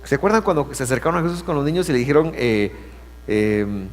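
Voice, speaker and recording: A man preaching in a lively, rising-and-falling voice, swinging from hushed asides to loud emphasis. His sermon rings with a long reverb through a church hall. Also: medium pitch, quick pace. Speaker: pastor.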